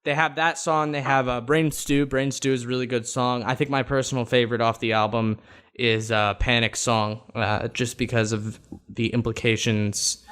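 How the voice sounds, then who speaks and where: Teen guy from Florida, casual podcast co-host, loose and rambling, mid-pitched voice, swears offhand. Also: flat delivery, moderate pace, fairly bright tone, clean tone. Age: late teens. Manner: rambling, laughs between thoughts, swears casually. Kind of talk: casual chat.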